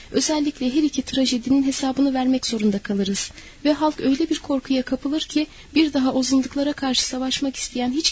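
A woman's voice: high voice, a little mellow, slight background noise, natural voice. A woman reading a stern, commanding emir. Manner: curt, commanding. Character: stern male emir, a scheming court commander.

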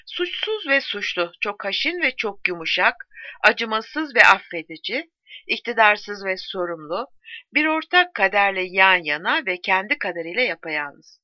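A woman reading a novel aloud with lively, shifting intonation. The recording is dry and a little dull and lo-fi, like a home microphone in a small quiet room. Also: medium pitch, no echo. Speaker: audiobook reader. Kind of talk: scripted narration of a novel.

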